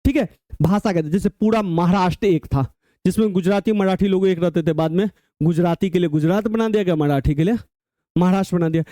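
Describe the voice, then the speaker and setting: A man lectures a class in a high yet mellow voice, often pausing to ask if the students follow. The sound is dry and close, with little room around it. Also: no room sound. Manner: keeps checking students follow with rising questions. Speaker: teacher.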